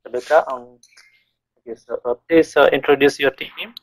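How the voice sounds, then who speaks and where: A man's voice: medium pitch, fairly even intonation, moderate pace, dry recording, poor audio. A man hosting a podcast and chairing a student debate, speaking hesitantly with many fillers and restarts.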